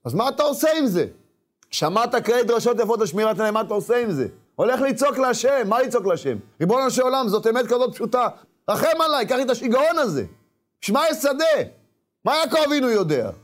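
A man giving an animated sermon, acting out inner voices and calling out at times. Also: extremely high pitch. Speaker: rabbi.

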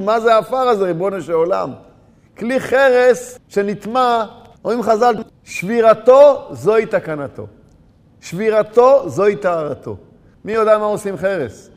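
A man preaches a religious sermon in a voice that's high for a man, pressing rhetorical questions and repeating words for emphasis. A long hall reverb hangs over the recording.

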